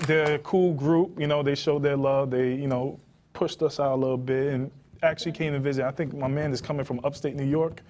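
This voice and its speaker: A man's voice: mid-range voice, fairly even intonation, fairly quick. A man hosting a live show, making announcements in a playful, laughing, announcer-like way. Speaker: host. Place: live event with audience. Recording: loud crowd and background noise.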